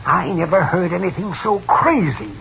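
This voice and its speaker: High, cracking, testy old doctor. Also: male voice, lively intonation, normal speed, vocal fry. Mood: incredulous. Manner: querulous, incredulous. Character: excitable, testy older frontier doctor. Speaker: radio actor. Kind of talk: 1950s western radio drama acting. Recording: muffled vintage radio, faint noise.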